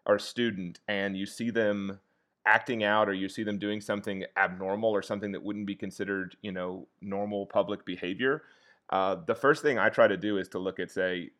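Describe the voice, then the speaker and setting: His voice sits on the low side, fairly bright, with fairly even intonation and a slightly fast pace. A history teacher guesting on a podcast, he speaks earnestly and reflectively in a soothing way during a casual interview, full of fillers and restarts.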